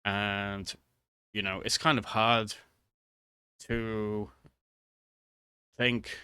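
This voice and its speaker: Male vlogger, low but bright voice, casual and halting, rambling to viewers. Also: little pitch movement, smooth, dry recording. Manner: hesitant, halting, trailing off mid-thought. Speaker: vtuber video creator.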